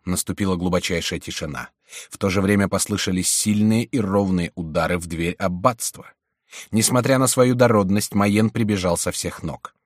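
A man narrating an audiobook in a steady storytelling manner. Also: deep voice, normal speed, no echo, clean studio sound.

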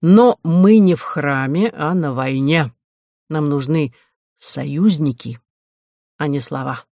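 Knight commander, blunt, practical, low firm voice, slow, audiobook figure, put on by the reader. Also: a little mellow, no echo, studio quality.

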